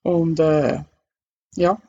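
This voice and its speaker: A man, a guest in a casual interview, explaining slowly with many fillers. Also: fairly high pitch, steady tone, vocal fry, dark tone, slightly rough, dull audio.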